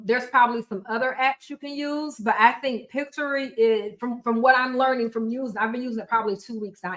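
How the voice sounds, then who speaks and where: A woman's voice: on the high side, a bit bright. A woman hosting a casual screen-share tutorial livestream, chatting off the cuff to her viewers while eating. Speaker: livestream host demonstrating software.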